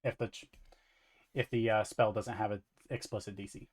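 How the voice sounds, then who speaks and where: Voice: medium pitch, steady tone, normal speed, husky. A game master runs a tabletop game in a laid-back, brief way. Rules get explained plainly, with a few "um"s.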